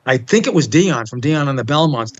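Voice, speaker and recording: A man in his seventies from Long Island, with a New York accent, speaks in a mid-range, expressive voice at a fairly quick pace, though the recording is muffled. As a guest in a casual interview, he wanders through his memories, rambling, restarting and searching for names.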